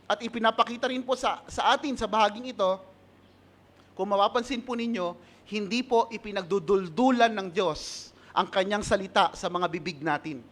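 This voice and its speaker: Man, pastor, Filipino accent, high voice, sermon with light humor. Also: moderate pace, fairly bright tone. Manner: mixes in English, asks the congregation, laughs at his own stories.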